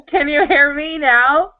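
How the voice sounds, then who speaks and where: A woman arguing the humanist side of a debate over a video call, her audio clipped and breaking up. She explains her points one by one in an earnest way. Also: high voice. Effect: clipped, breaking-up phone-line audio. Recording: tinny call line with faint music.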